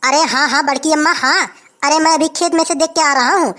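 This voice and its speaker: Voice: high-pitched, fairly quick, sharp tone. A performer voicing an eager, obedient young village son.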